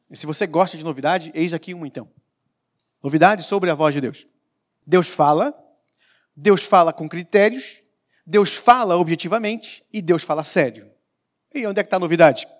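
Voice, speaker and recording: Emphatic pastor preaching. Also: male voice, on the high side. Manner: emphatic preaching with sudden loud peaks and quiet asides. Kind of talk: sermon.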